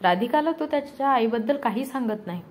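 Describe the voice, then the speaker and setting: Storyteller, woman, steady scripted narration. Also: on the high side, fairly quick.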